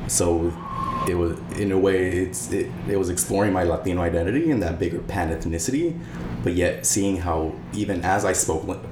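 A young man whose native language is Spanish answers earnestly and explains things as an interview guest; he is a Peace Corps volunteer. His voice sits low at a normal pace, and the echoey room carries clear background noise.

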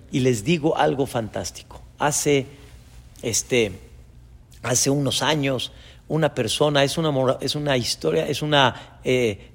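A man, a rabbi preaching a sermon with dramatic storytelling and sudden loud rises. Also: a little high, vocal fry.

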